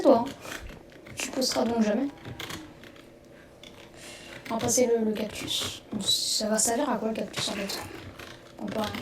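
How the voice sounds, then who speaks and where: A woman hosting a let's play, giving excitable, rambling commentary and swearing when things go wrong. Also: fairly high pitch. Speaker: gaming video host. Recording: roomy, distant mic, noisy background.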